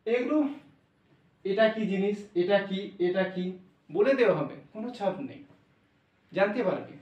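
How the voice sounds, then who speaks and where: A man's voice: sits high, lively intonation, moderate pace, highs cut off. A male maths teacher with a Bengali accent giving an informal, reassuring classroom lesson and thinking aloud as he explains. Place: classroom with blackboard. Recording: roomy, voice from a distance.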